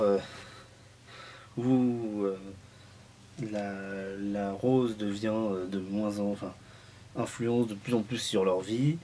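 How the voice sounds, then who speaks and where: A man's voice: on the low side, darkish tone, slight background noise. A man vlogging at home in a casual, joking film review, rambling and restarting his sentences often.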